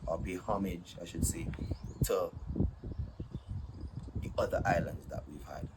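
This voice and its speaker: A young man with a very deep voice talks in a relaxed, easygoing way as a guest, often dropping in "yeah, man" between thoughts. A loud background hiss sits under his speech throughout. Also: unhurried. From Saint Vincent and the Grenadines. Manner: laid-back, many fillers and "yeah, man". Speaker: DJ and event promoter guest. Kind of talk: casual interview chat.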